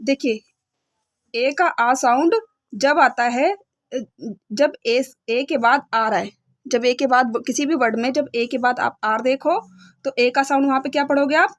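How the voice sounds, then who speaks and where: A young female English teacher with a bright, high voice leads a beginner phonics lesson, sounding out each letter slowly and patiently. She pauses often to make sure her learners are keeping up. The recording is close and dry, without room echo.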